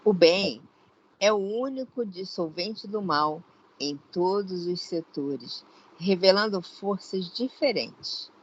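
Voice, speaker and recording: A woman with a Brazilian Portuguese accent reads a spiritual text aloud to her study group, unhurried and deliberate. Her voice sits at a middle pitch and comes through dull, lo-fi call audio. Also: lively intonation, breathy edge. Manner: measured, deliberate reading. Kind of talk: slow formal reading aloud.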